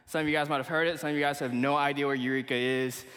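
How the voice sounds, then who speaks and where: A young man from Kuala Lumpur, Malaysia, gives a casual, slangy sermon to a young adults group at church. His voice is a little high and a bit bright, with fairly even intonation and a very fast pace. The church meeting hall adds a long, reverberant echo to the recording.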